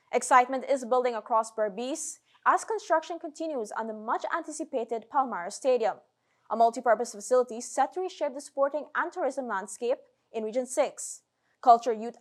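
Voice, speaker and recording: A woman with a Guyanese accent delivers a news report in a measured, scripted newsreader style. Her voice sits a little higher than most women's, and she narrates the story steadily.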